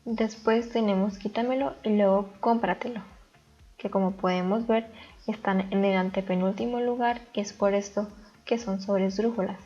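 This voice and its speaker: Female teacher, even mid-pitched voice, methodical explainer, muffled recording with soft music under it. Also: moderate pace. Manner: calm, step-by-step explaining. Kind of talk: recorded grammar lesson.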